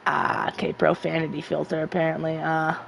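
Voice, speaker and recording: A man's voice: fairly high pitch, completely flat delivery, a little fast, vocal fry, fairly bright tone, slight background noise. Crude, rambling young gaming streamer guy. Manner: profane, rambling, self-mocking. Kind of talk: casual gameplay commentary.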